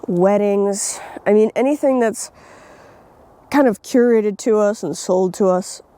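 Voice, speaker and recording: A woman's voice: mid-range voice, warm tone. A young woman vlogging outdoors, talking bluntly and swearing freely, with frequent laughs. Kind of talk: casual opinion vlog. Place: outdoors in nature.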